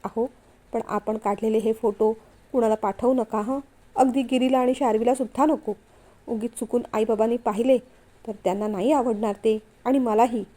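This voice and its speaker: A woman reads out a modest young wife, shy and quick to protest. The high, mellow voice has a gentle storybook lilt. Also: steady tone, natural voice. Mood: pleading. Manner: pleading, flustered. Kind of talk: storytelling read-aloud.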